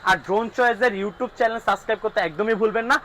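A man's voice: high voice, rapid-fire, fairly bright tone, slight background noise, poor audio. A man with a Bangladeshi Bengali accent works as a drone shop salesman, running through prices in repetitive sales patter and checking in with "all right?". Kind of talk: rapid-fire price rundown.

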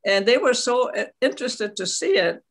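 An older woman from Scotland, telling stories in a halting, rambling way on a video call from her tablet at home. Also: on the high side, big pitch swings, gravelly. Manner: rambling, halting, with frequent restarts and soft laughs. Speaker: interviewee, veteran curler. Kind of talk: casual video call interview.

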